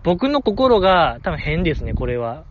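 Lively Kansai man rambling on a podcast. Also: on the high side, normal speed, dull audio, background noise. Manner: rambling, self-correcting, often apologizing. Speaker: podcast host. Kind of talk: casual solo podcast talk.

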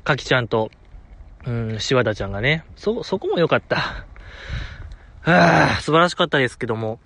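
A man's voice: mid-range voice, expressive, normal speed, creaky, pushed and bright, no room sound. A man with a Kansai accent hosting a solo talk show, chatting with enthusiastic, chuckling fan banter. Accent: Kansai Japanese. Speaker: podcast host.

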